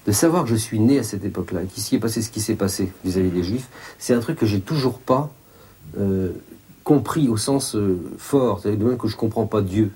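A man speaking haltingly in an interview, often pausing to search for his words. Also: on the low side, dark tone, slightly rough. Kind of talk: reflective interview.

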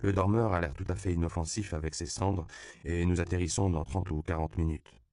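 A man voicing a harried female flight attendant who speaks briskly and dismissively. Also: low-pitched, steady tone, vocal fry, darkish tone, smooth, no echo, clean studio sound.

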